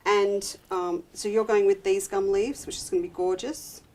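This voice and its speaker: An Australian woman chatting casually on a live craft show, teasing and quick to laugh as she presents quilting fabrics. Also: medium pitch, fairly even intonation, darkish tone.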